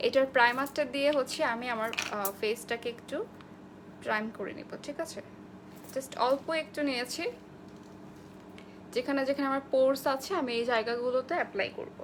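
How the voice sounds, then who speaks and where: A young woman from Bangladesh talks through a live-streamed makeup tutorial, greeting viewers by name as she works. Her voice sits high, and she slips English phrases into her talk. A faint hiss sits under the indoor recording. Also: fairly bright tone. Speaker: makeup artist hosting a live sale.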